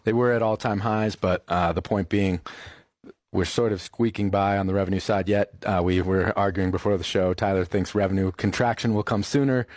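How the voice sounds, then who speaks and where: A man's voice: lowish voice, fairly even intonation, moderate pace, darkish tone, no echo, studio quality. An American man giving conversational financial commentary as a radio co-host.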